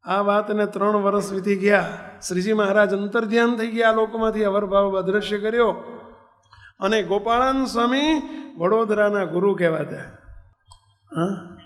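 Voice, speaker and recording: A male preacher telling a story in a sermon, asking rhetorical questions of his listeners. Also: high-pitched. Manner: animated, rhetorical questions to the audience. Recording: long hall reverb.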